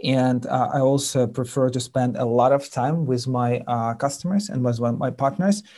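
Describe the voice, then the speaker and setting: A man with a Ukrainian accent talks as a podcast guest. His voice is dark and mellow, and his speech halts often with fillers and restarts while his pitch stays middling. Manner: halting, many fillers and restarts. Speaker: sales executive guest. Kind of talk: interview conversation.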